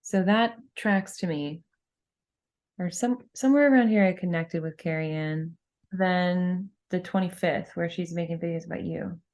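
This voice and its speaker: A woman co-hosting a podcast, explaining events in a measured, reflective way with dry, wry asides. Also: fairly low pitch, darkish tone. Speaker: podcast co-host. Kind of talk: casual podcast chat.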